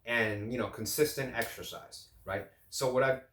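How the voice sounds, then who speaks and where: A man in his late thirties chats casually about his eating routine, circling and restarting his sentences as he goes. His voice sits at an ordinary middle pitch. The room around him is echoey. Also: steady tone, moderate pace, fairly bright tone. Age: late 30s. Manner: rambling, repeats and restarts phrases. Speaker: fitness vlogger. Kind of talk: casual talk to camera.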